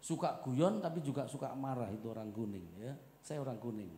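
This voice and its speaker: A middle-aged man preaching a marriage seminar sermon, joking, loud and animated, calling for amen. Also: medium pitch, fairly quick, slight background noise. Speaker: pastor. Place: church hall. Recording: echoey church hall with long reverb.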